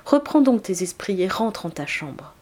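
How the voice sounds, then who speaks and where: A woman reading the lines of a caring female friend, gentle and soothing. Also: mid-range voice, sing-song, moderate pace. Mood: tender.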